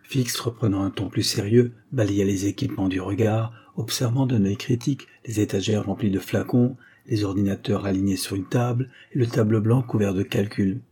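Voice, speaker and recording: A man narrating an audiobook in a steady storytelling voice. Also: lowish voice, normal speed, few pauses, slightly rough. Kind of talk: scripted narration.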